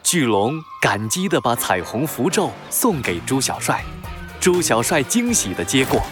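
Very animated children's story narrator. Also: medium pitch, unhurried, music in the background. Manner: dramatic, expressive storytelling.

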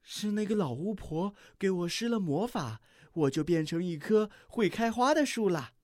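Reader doing a sweet young deer, soft and gentle, gives in easily, storybook. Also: mid-range voice, big pitch swings, moderate pace, dry recording, clean studio sound, voice pushed up, close to an everyday voice. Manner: gentle, yielding. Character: kind, playful young deer posing as a tree.

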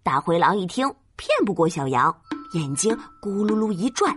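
A woman narrating a children's story as a mother, gentle, playful and expressive. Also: lowish voice, moderate pace, a little hiss or hum. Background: children's music.

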